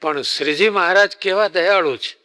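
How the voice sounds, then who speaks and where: A swami tells a devotional tale, slipping into each character's lines. His voice is bright and forceful and sits a little high. A long hall reverb trails after every phrase. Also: normal speed. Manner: animated storyteller acting out dialogue. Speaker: swami preacher. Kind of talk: sermon storytelling. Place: temple hall.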